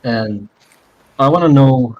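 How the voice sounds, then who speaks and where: A man's voice: mid-range voice, slow pace, muffled recording. A man playing a tabletop game, blunt and casually swearing. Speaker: player.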